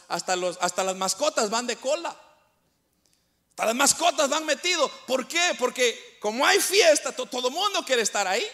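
A middle-aged male preacher with a very high-pitched, bright, forceful voice delivers a sermon, addressing the congregation as brothers and using rhetorical questions and repeated words.

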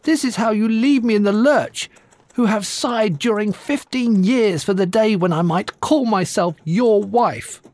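A man voicing an enraged giant woman, loud and shrieking with fury. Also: sits high, a little slow, voice pushed up. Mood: furious. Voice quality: shrieking and thunderous.

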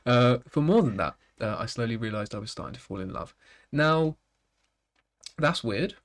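A man co-hosts a loose, casual chat, tossing in quick jokes and breaking into laughter often. His voice sits at an ordinary pitch for a man. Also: lively intonation. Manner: jokey, quick quips and bursts of laughter. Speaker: podcast co-host.

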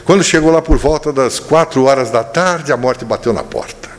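A man teaching a spiritual study class, telling stories and slowing down to stress points. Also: mid-range voice, soft background music. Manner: animated storyteller, slows down for emphasis. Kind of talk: religious study lecture with storytelling. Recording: echoey hall reverb.

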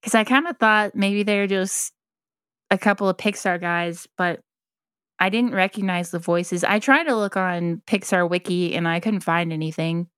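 A woman's voice: fairly low pitch, moderate pace, a bit bright, clear, resonant tone, no room sound, clean studio sound. A woman co-hosting a casual chat, curious and asking questions, laughing along. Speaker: podcast co-host.

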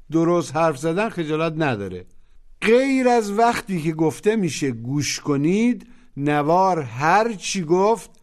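A man teaching on a language-lesson tape, giving patient, coaching instructions and prompts for learners to repeat aloud. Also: a little high. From Iran. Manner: didactic, coaching.

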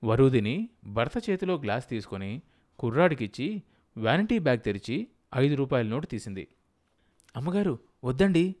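A man narrating an audiobook in a steady storytelling manner. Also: mid-range voice, brisk, long pauses. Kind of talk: scripted narration.

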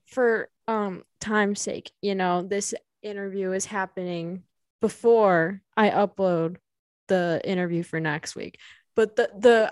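A woman's voice: medium pitch, no room sound. A woman from the Chicago suburbs hosting a casual podcast interview, chatty and teasing, often laughing. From Illinois, Chicago suburbs. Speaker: podcast host.

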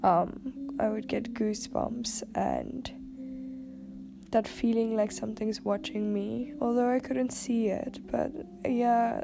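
A woman with a fairly high, nasal voice, stuffed up from congested sinuses, shares personal stories casually. She talks slowly and musingly, with a creaky fry in her voice, over music. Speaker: storyteller. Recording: music behind the voice.

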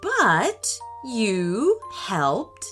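A woman voicing a kind, slow-talking male super sloth hero in a children's story. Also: fairly high pitch, huge pitch swings, fairly bright tone, soft background music, exaggerated voice. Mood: gentle. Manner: slow, drawn-out, soothing.

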